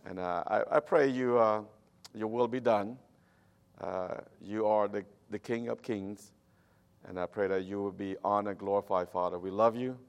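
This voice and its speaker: A man from Cambodia, a native Khmer speaker, preaching a church sermon in halting English with a Cambodian accent. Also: lowish voice, steady tone. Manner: halting, with nonstandard English phrasing. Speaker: missionary guest preacher.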